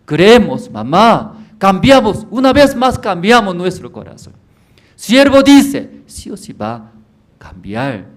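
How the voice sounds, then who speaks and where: A man's voice: expressive, unhurried. A man voicing a young missionary son who pleads desperately with his mother. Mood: pleading. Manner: pleading, high and loud.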